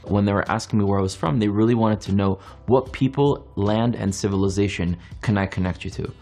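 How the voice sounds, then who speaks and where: A young man born in France, giving an earnest monologue that builds rhetorical questions and long steady lists. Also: on the low side, fairly quick. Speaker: speaker. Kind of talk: reflective monologue.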